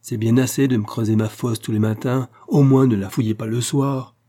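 A man's voice: medium pitch, steady tone, moderate pace, dark tone, natural voice. A man voicing a sick, bitter young marquis who snaps curt commands in an audiobook reading. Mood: angry.

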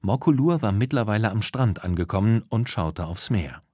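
A man narrating a children's audio story in a lively storytelling manner. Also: on the low side, moderate pace, husky, no echo, clean studio sound.

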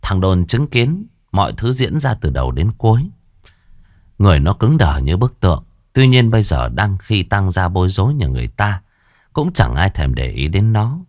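A man narrating a village ghost story in a dramatic, expressive way. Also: deep voice, normal speed, dry recording, studio quality. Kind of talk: scripted horror story narration.

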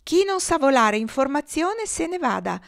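Woman voicing a wild lead goose, female, curt, impatient, bossy, storybook reading, snapped out a little higher than her reading voice. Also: sing-song, normal speed, creaky, full character voice.

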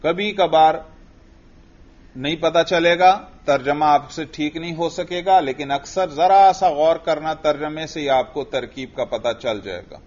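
Man teaching grammar, quizzing a student. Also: fairly high pitch. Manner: drills student with questions and repeats answers. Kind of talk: Arabic grammar lesson. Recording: dull lo-fi audio.

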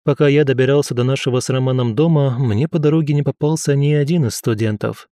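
A man reading a first-person story as an audiobook narrator in a steady, even way. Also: mid-range voice, quick pace, no room sound, clean studio sound.

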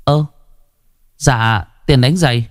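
A man voicing a timid, poor boy shoe shiner of about thirteen who speaks in a pleading, polite and hurried way. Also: mid-range voice, no echo, studio quality, pitched above the performer's own voice, lightly acted.

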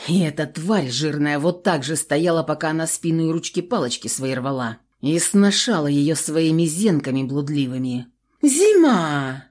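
A woman narrating a novel in the first person with expressive, coarse, slangy delivery. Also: low-pitched, normal speed, few pauses. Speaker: audiobook reader.

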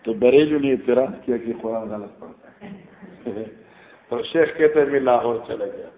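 A man with a Pakistani Urdu accent teaching scripture in a classroom lecture, explaining the Arabic text line by line and telling stories as he goes. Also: mid-range voice. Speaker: hadith teacher. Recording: roomy, dull lo-fi recording.

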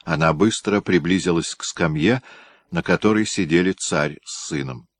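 Deep-voiced male audiobook narrator. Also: moderate pace, no room sound, studio quality. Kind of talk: scripted narration.

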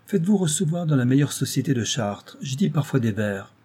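A man voicing a proud, sharp-tongued former actress in an audiobook, cool and biting. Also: medium pitch, very animated, brisk, breathy edge, pitched above the performer's own voice. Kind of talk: audiobook character voice.

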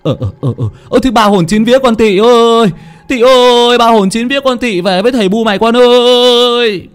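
A man's voice: very high-pitched, animated, moderate pace, clean tone, soft background music, voice pushed up. Man doing a chanting superstitious villager. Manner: sing-song chanting. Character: superstitious villager chanting to call back a soul.

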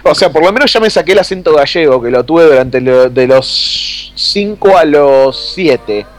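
A man's voice: fairly high pitch, animated, normal speed. A man with an Argentine accent, co-hosting a podcast in joking, teasing banter. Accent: Argentine Spanish. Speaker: podcast co-host. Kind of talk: casual chat.

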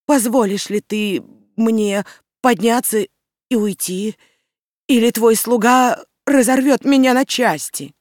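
A frightened old village hunter, as an audiobook reader puts him on, pleading in a hoarse, raised whisper. The voice sits a little higher than the reader's usual tone. It is recorded dry and close, with no room around it. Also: takes it slowly, no room sound, close to an everyday voice. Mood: fearful pleading.

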